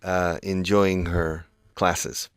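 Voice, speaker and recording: A man leads a live radio English lesson with a teasing, good-humored manner, stopping often to correct his guests. His voice sits a little low, and the sound is close and dry. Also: level tone, very slow, smooth, no echo. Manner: joking, corrects grammar often. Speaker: radio host and English teacher. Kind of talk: on-air English class chat.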